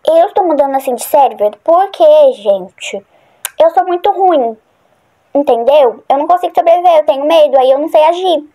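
A high-pitched woman talks her way through a horror game for her viewers. She rambles freely and startles easily. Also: lively intonation, moderate pace, warm tone. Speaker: gaming channel host. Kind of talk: casual gameplay commentary.

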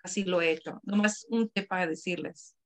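A woman's voice: fairly low pitch, normal speed. A woman, a class participant, casually sharing a practical tip with the others. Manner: friendly, shares a practical tip.

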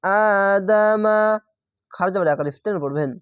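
A man teaching Quran reading, spelling letters out slowly and then chanting the drawn-out recited words. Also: on the high side, no room sound, studio quality.

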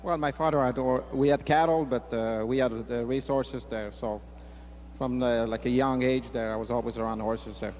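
A man's voice: medium pitch, fairly even intonation, moderate pace, darkish tone. Race driver guy giving short hesitant answers, kinda far from the mic, echoey, faint noise. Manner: brief hesitant answers with fillers. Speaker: winning driver, interviewee. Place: winner's circle at outdoor track.

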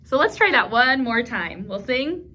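In a small indoor room, a woman in her thirties hosts a library storytime, talking a little slowly in a voice on the high side. She gives animated, encouraging instructions to toddlers and caregivers, keeping her phrasing simple and clear for small children. Slight background noise is audible.

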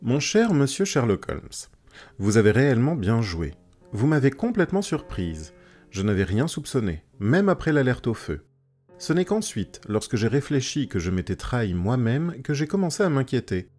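A man's voice: medium pitch, big pitch swings, moderate pace, a little mellow, soft background music. A man voicing a clever young woman reading out her letter in a composed manner.

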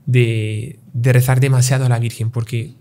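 Calm, mellow-voiced priest explaining. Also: male voice, mid-range voice. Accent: Spanish-speaking. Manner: calm, measured, teaching with parables and rhetorical questions. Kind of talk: explanatory religious talk.

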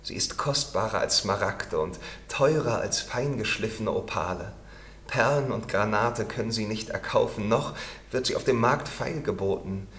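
A man's voice: on the low side, normal speed, a bit bright, reverberant, a little hiss or hum, lightly acted. A man voicing a tender, longing female nightingale in a storybook reading, lyrical and earnest. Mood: wondering.

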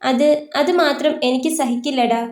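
A woman's voice: high-pitched, fairly even intonation, moderate pace, lightly acted. A woman voicing a heartbroken, lonely young woman in a tearful, pleading tone, in a roomy recording. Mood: sorrowful. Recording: roomy echo.

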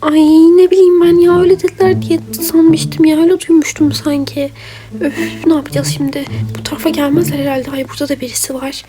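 A woman voicing characters in a doll game role-play, lively and chatty, switching between them. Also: sits high, fast. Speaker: role-play video maker. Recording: background music.

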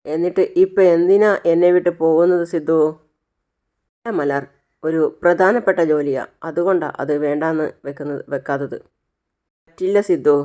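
A woman's voice: low-pitched, mellow. A woman narrating a recap of a TV serial, acting out the characters' lines as she tells the story. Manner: retells scenes, acting out each character's lines.

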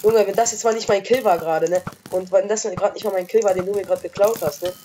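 Excitable trash-talking woman gamer with sore throat. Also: mid-range voice, quick pace, a little hiss or hum. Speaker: let's play gamer. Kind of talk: casual game commentary.

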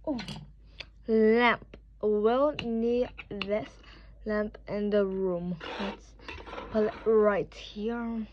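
A woman chatting casually as she sets up a dollhouse, with excited little exclamations. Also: mid-range voice, drawn-out words. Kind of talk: casual toy play commentary. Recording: dull lo-fi sound with clear background noise.

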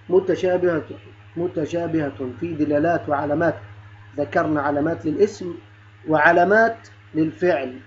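A man's voice: on the high side, a little mellow, a little hiss or hum. Patient male grammar teacher, lo-fi. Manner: patient, repeats and spells out sounds, praises pupils. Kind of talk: primary-school grammar lesson.

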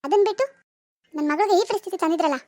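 Pitched extremely high and talking fast, a woman performs cartoon voice work as an angry middle-aged mother hurling accusations at her daughter's in-laws. The recording has no room sound.

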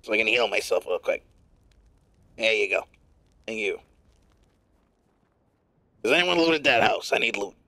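A man streaming a game live, giving profane, rambling running commentary in a put-on gravelly smoker's rasp. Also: on the low side, lively intonation, unhurried, long pauses, pushed and bright, no room sound.

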